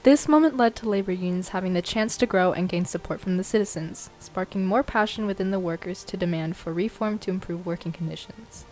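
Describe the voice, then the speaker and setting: A woman's voice: on the low side, a little fast, few pauses, a little mellow, soft background music, poor audio. A woman narrating a student history documentary, reading evenly from a script.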